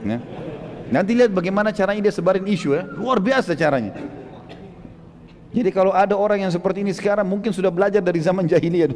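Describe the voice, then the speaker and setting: Animated male preacher with a hall echo. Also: high voice, quick pace, slight background noise. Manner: animated storytelling with frequent tag questions. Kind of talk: Islamic history sermon. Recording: long hall reverb.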